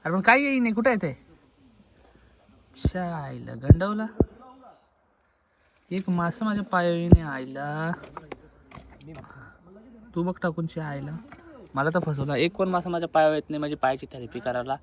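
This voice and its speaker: Speaking a little slowly with long pauses, a high-ish male voice carries this handheld-phone travel vlog by the sea. The vlogger jokes and chats, moving between Hindi and Marathi, in a noisy outdoor recording.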